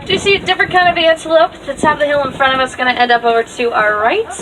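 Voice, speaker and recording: High-pitched woman safari guide, distant mic. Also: fairly even intonation, racing. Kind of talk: live guided tour commentary. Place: outdoors on a moving safari ride vehicle. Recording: distant mic, noisy open vehicle with passengers.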